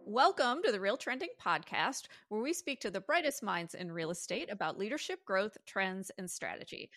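A woman's voice: medium pitch, sing-song, normal speed, fairly bright tone, no echo, faint music behind. A woman hosting a podcast interview, chatty and casual, with fillers and light self-deprecating asides. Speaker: podcast host.

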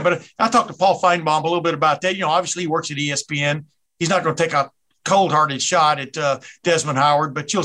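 A man's voice: a little high, sharp tone. A man with a Southern American accent hosting a sports podcast, chatty and rambling with many restarts. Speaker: podcast host. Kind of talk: casual sports podcast interview.

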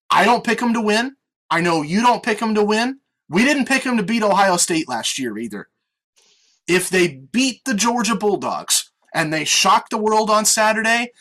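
An American man hosts a casual sports podcast. His voice is bright and forceful, sitting slightly high for a man. He talks conversationally, like someone used to being on air. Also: sing-song, normal speed. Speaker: podcast host with on-air experience. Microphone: online video meeting call.

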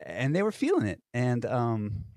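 A man's voice: medium pitch, huge pitch swings, moderate pace, a little mellow, no echo, clean studio sound. A man co-hosting a podcast, telling stories in rambling casual chat full of fillers and restarts. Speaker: podcast co-host. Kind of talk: casual conversation.

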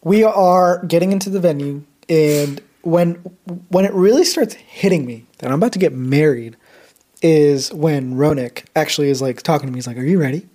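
A man's voice: a little high, moderate pace, mellow. Rambling young man telling a story. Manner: rambling storyteller, many fillers and restarts. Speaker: podcast co-host. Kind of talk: casual chat.

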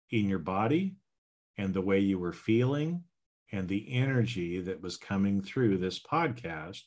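A man hosting a podcast, teaching a gratitude exercise in a casual, drawn-out way, tagging lines with "right?" and "okay?". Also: fairly low pitch. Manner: slow, drawn-out, frequent "right?" and "okay?" tags. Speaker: podcast host and healing coach.

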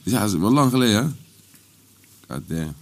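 A man's voice: on the low side, animated, brisk. A young man from the Dutch Caribbean hosting a casual dinner chat, slangy and often laughing. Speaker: host.

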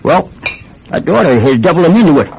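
Crusty old new farm dad in a radio play, gruff and terse, dull sound. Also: male voice, a little high, very animated, fast, a little mellow. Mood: curt, grudging. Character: stern, grudging old New England farmer father. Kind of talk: radio drama acting. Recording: dull radio recording with faint noise.

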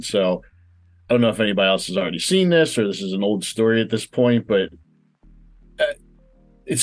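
A man chatting as a podcast panelist, opinionated and rambling, with frequent hesitations. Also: medium pitch. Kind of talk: casual podcast chat.

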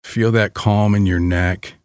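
Very slow, calm man guiding meditation. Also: on the low side, no room sound, clean studio sound. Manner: calm, soothing, gentle delivery with long pauses. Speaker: guided meditation leader.

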